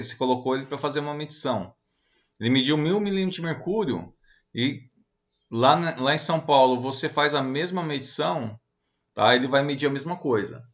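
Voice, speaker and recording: A man's voice: fairly high pitch, fairly bright tone, muffled recording. Casual man teaching a lesson. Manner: casual, hesitant, many fillers and tag questions. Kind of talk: online lecture explaining slides.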